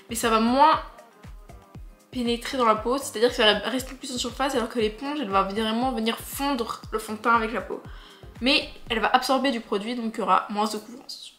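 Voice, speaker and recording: A woman's voice: fairly high pitch, fairly bright tone. Chatty young woman, echoey room. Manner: chatty, joking asides, frequent fillers. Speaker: beauty vlogger. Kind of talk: casual makeup tutorial. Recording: echoey room with faint music.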